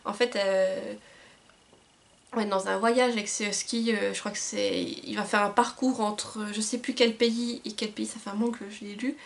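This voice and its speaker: A woman's voice: mid-range voice, fairly even intonation, normal speed, vocal fry. A young woman chatting casually about books to her camera, rambling with many fillers and restarts. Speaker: book vlogger. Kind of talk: casual book chat to camera. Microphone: camcorder mic.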